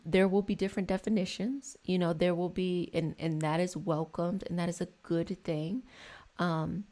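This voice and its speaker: An American livestream host and spiritual healing practitioner from the DMV area around Washington DC chats casually, explaining and reflecting with her listeners. Her medium-pitched voice has vocal fry and a darkish tone, and she affectionately calls her audience "y'all" and "babies."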